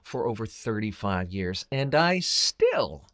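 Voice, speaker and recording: Speaking slowly and with lots of animation, this middle-aged host delivers scripted advice to the camera in a blunt, forceful, everyday style. He works as a voiceover coach and voice actor, and his fairly bright voice sits on the low side.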